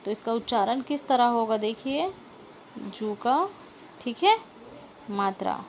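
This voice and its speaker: A woman teacher speaks slowly and patiently, in a fairly high voice. She spells words out, repeats them and keeps checking with her pupils. Faint noise sits behind her. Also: lively intonation. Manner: slow, repeats words and asks the class questions. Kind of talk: grammar lesson for schoolchildren.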